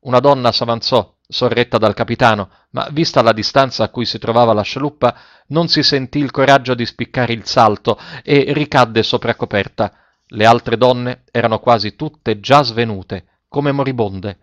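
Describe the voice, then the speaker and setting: A man's voice: mid-range voice, no room sound. Man, storybook narrator, dramatic reading, dry close sound, slightly dull recording. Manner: raises voice sharply for shouted lines, slows for solemn ones.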